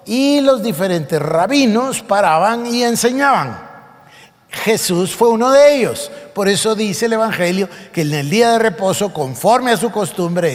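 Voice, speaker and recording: Male pastor, emphatic sermon, fairly high voice, reverberant church hall. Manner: emphatic preaching, reading scripture aloud and explaining it.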